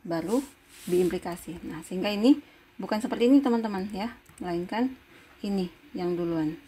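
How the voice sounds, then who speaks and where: A woman's voice: medium pitch, moderate pace, warm tone, a little hiss or hum. A middle-aged woman lecturer giving a recorded university lesson, explaining patiently step by step and checking in with her students after almost every sentence. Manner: patient, explains step by step, many tag questions.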